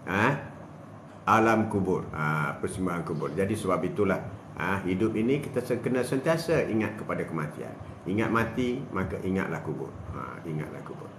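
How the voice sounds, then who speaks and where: An older man giving a casual religious talk, animated and full of rhetorical questions, joking with people in the room. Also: sits low, normal speed, background noise. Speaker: religious speaker. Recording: roomy echo with faint ambience.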